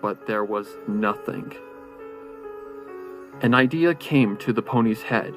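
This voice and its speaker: Faint music underscores a man's slow, fairly low-pitched delivery as he dramatically narrates a suspenseful horror fan-fiction tale.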